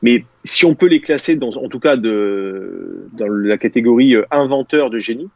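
Chatting as a video-call guest over a webcam in a small room, this thirty-something man talks in a medium-pitched, creaky, animated voice at a moderate pace. He rambles, restarting often and using fillers. The sound is muffled but echo-free.

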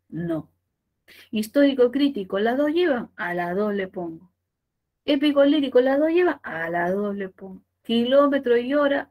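A woman teaches a class with a Peruvian Spanish accent. She asks questions and answers them herself in a lively way, and her voice sits a little high. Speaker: language teacher. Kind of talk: classroom lecture.

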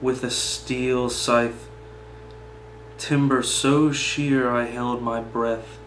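A young man with a medium-pitched voice reads a poem slowly and evenly, then moves into informal personal commentary. He's seated at a table in a small indoor meeting room, picked up by a camera mic a few feet away, with roomy echo and a faint background hum.

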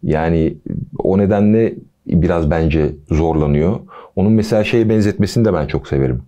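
Deep-voiced man chatting football. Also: moderate pace, lo-fi sound. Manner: relaxed, chatty, jokey asides. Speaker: football podcast host. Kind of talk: casual football talk.

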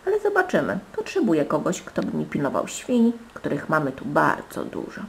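A woman's voice: low voice, huge pitch swings, normal speed, vocal fry, a little hiss or hum, exaggerated voice. A woman doing a pompous old emperor. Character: fussy old fairy-tale emperor.

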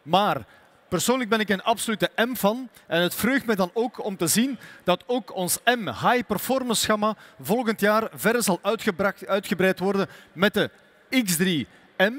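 A man's voice: high-pitched, a bit bright. A man, a company executive giving a prepared, formal press statement. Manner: formal, measured delivery. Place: expo hall.

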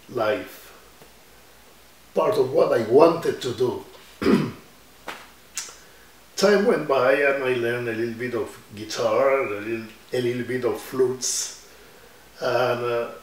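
Slow to speak and reflective, a musician from Ecuador in his 70s tells his stories with hand gestures in an oral history interview. His voice is mid-range, and the recording, made indoors among guitars on the wall with a distant mic, is roomy with slight background noise.

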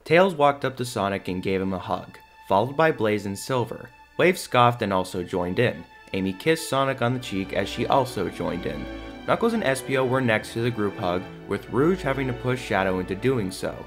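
Reading scripted third-person narration at a moderate pace, the narrator and lead actor of a fan audio drama sounds animated, his voice on the low side. Music plays under his voice.

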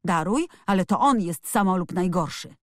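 A woman voicing a sickly, spoiled young boy who whines and shouts in self-pity in a storybook reading. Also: fairly low pitch, expressive, moderate pace, no echo, studio quality, close to an everyday voice. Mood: raging, whiny. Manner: whining, shouting tantrum.

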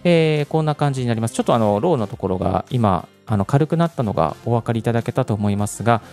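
A man casually reviewing podcast gear, his voice filtered thin with the bass cut out, talking in a chatty way with many fillers. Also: expressive, fast talker, darkish tone, faint music behind. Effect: high-pass filter, thin voice with no bass. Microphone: dynamic studio mic with thin windscreen.

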